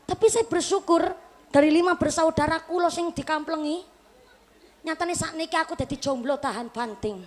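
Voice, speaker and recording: Speaking at normal speed with a very high voice, a woman in her late twenties with a Javanese accent gives a humorous Islamic talk to a live crowd, chatting, joking and repeatedly turning to the listeners. Slight background noise is audible.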